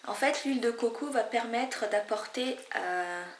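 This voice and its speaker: A young woman from French Guiana, speaking at a measured pace in a highish voice, chats her way through a relaxed hair tutorial. She rambles, restarts, and leans on fillers, and the echoey room has slight background noise.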